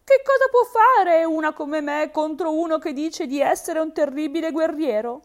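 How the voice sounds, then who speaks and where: A woman's voice: high-pitched, expressive, a little slow, voice pushed up. A woman voicing a timid, frightened female hare in a spoken fairy tale, pleading and plaintive.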